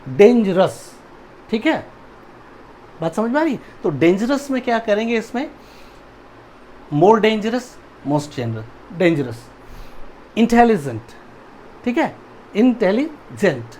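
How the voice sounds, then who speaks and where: A man's voice: high voice, big pitch swings, takes it slowly, pauses often, a little mellow, slight background noise. A male teacher giving a grammar video lecture, spelling words out letter by letter and often asking whether the class has understood. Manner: keeps checking understanding with "ठीक है" and "समझ में आया?".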